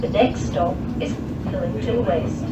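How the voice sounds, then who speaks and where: A lowish-voiced woman gives formal railway announcements, her phrasing measured and deliberately separated. The recorded message plays through a distant PA on a moving passenger train, echoing and muffled beneath loud carriage and rail noise.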